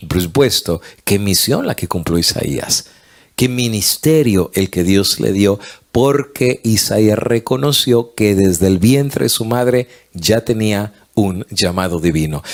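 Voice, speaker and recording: A male preacher delivering a sermon, telling a story and reading scripture slowly and emphatically. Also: on the low side.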